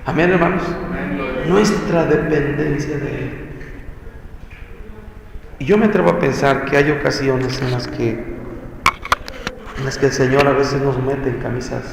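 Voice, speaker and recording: A man preaching a sermon, exhorting with rhetorical questions and dramatic pauses. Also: medium pitch, creaky. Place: church. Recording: echoey church hall, faint noise.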